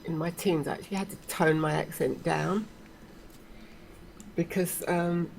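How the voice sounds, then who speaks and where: Low-voiced woman with a rounded English accent. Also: fairly even intonation, a little slow, darkish tone. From Essex, England. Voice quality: well-rounded, posh accent, toned down. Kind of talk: casual chat. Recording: clear background noise, online voice chat.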